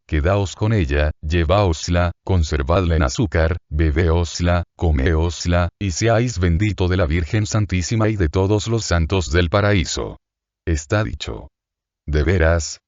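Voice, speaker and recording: A man's voice: sits low, animated, unhurried, a little mellow, no echo, highs cut off. A man voicing a scheming middle-aged female innkeeper who whines and fawns over a rich guest, in an audiobook reading. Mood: fawning. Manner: plaintive, wheedling, fawning.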